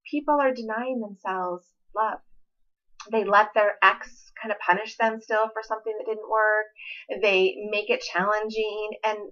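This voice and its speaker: A woman's voice: mid-range voice, muffled recording. A woman in her forties, a relationship coach, talking earnestly and from the heart about love and loss to her viewers. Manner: earnest and heartfelt, with a gentle pleading tone. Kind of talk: personal vlog talk to camera.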